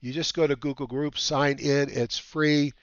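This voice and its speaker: A man with a whistling nose hosting a market update as a trading educator, talking casually and haltingly with rambling asides. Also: a little high, little pitch movement, smooth, dry recording. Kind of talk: casual semi-scripted market commentary. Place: dry room at home. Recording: slightly dull, lo-fi dry recording.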